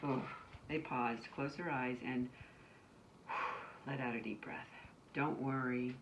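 Reading to a group of children, this female nursery school teacher keeps stopping to talk about the illustrations in a relaxed, chatty way. Her voice is bass-heavy and the highs are cut off, captured from a distant mic over faint background noise.

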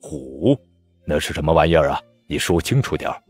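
A man's voice: extremely low pitch, fairly even intonation, normal speed, darkish tone, pitched below the performer's own voice. A man voicing a stern, testy older official who scolds and presses impatiently. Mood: coaxing.

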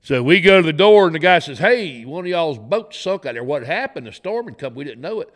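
A man's voice: a little high, lively intonation, a little fast. Folksy Southern man spinning a yarn. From Florida, US. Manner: folksy, profane, laughs through his stories. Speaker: podcast guest, former game warden. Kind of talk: casual storytelling. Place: podcast set in a garage studio. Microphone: studio mic on boom arm, headphones.

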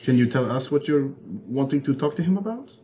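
A man playing a tabletop game, jumping in with quick questions. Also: medium pitch, animated, mellow, slight background noise. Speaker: player. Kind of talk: casual tabletop role-play.

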